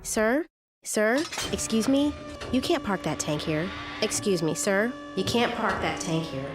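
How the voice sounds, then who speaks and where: A woman's voice: mid-range voice, expressive, a little slow, echoey room, music in the background, natural voice. A woman voicing a polite but insistent, officious cartoon girl who keeps repeating herself. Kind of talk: cartoon voice acting.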